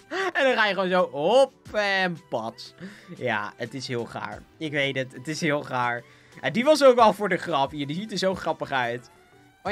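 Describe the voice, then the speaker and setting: Lively young Dutch streamer, chatty. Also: male voice, fairly high pitch. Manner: chatty, bouncy, giggly, thanks donors. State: sore throat. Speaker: gaming livestreamer. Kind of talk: casual live game commentary. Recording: faint music behind.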